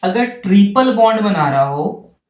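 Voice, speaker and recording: A man teaching a chemistry lesson while writing on a board. He talks slowly, asking questions and answering them himself. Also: high-pitched, lively intonation. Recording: distant, echoey, dull lo-fi.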